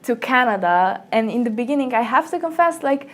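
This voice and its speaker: A young woman from Slovenia, speaking English as a second language, chatting as an interview guest and acting out little quoted exchanges with lively energy, recorded in a small office room. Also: brisk. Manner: lively storyteller, acts out quotes in a higher voice. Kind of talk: casual interview chat.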